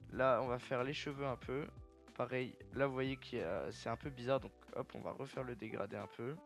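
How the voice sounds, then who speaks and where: A young man casually talking viewers through a software tutorial step by step, chatty and informal. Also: medium pitch, steady tone, moderate pace, soft background music. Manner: chatty, step-by-step, addresses viewers as "les gars". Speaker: tutorial creator.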